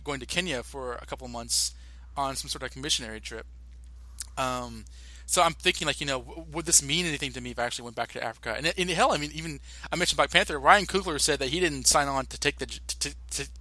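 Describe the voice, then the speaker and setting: Young American man, podcast co-host, bright voice, halting restarts, dry close mic. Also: medium pitch, no echo. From United States. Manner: animated, halting with many restarts and fillers. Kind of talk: casual podcast chat.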